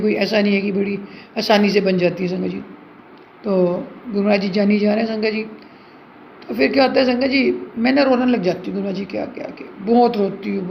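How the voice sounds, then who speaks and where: A middle-aged woman giving an earnest devotional testimony and addressing her listeners again and again. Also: a little high. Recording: dull lo-fi recording with faint hiss.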